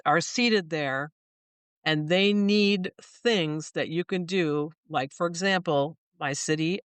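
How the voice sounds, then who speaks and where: Chatty businesswoman, lowish voice, dry sound. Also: fairly bright tone, clear, resonant tone, no echo. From Minnesota. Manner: chatty, explains with examples, frequent restarts. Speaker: small business owner, guest. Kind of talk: casual interview talk.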